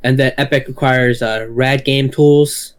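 Co-host, man, mid-pitched, halting news roundup full of fillers. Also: fairly even intonation, clear, resonant tone. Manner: hesitant, lots of uh and restarts. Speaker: podcast co-host. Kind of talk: casual gaming podcast chat.

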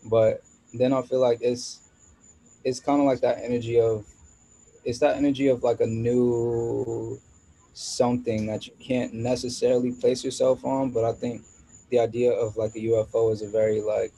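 A man's voice: mid-range voice, level tone, moderate pace, warm tone, rough recording. A man from the US East Coast, a guest musician in a casual podcast chat, rambling and searching for words with many restarts.

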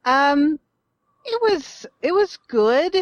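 A woman's voice: high voice, big pitch swings, extremely slow, no room sound, lo-fi sound. A woman chatting as a podcast panelist, hesitant and heavy on fillers. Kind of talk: casual chat.

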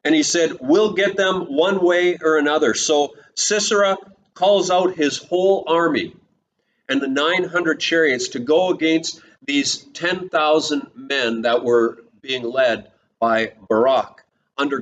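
A pastor preaching a sermon and retelling the story, breaking into quick voiced lines for its people. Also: male voice, a little high. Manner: retells the story and quotes its people in lively snatches of voice. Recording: slightly dull recording with faint hiss.

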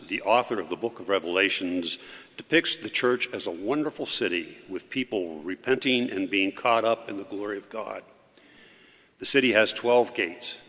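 Man, scripture reader, fairly low voice, measured formal reading, cathedral echo, long church reverb. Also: fairly bright tone. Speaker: lector. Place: large church.

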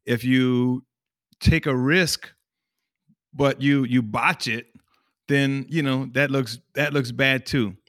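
A man in a casual panel discussion, talking haltingly with many restarts. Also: mid-range voice, fairly even intonation, a bit bright, no echo, clean studio sound.

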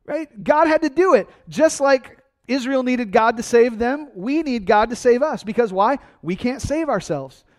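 A man preaching a sermon, energetic and conversational, asking his congregation questions and answering them himself. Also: extremely high pitch. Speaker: pastor.

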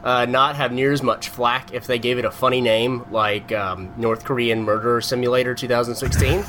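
A man co-hosting a casual gaming podcast, telling a rambling, animated story full of fillers. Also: mid-range voice, moderate pace, background noise. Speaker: podcast co-host. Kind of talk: casual chat.

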